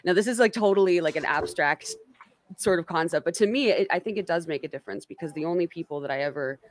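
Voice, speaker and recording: A woman's voice: lowish voice, quick pace. A woman hosting a casual online interview, talking in a rambling way with lots of fillers and self-corrections. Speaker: host.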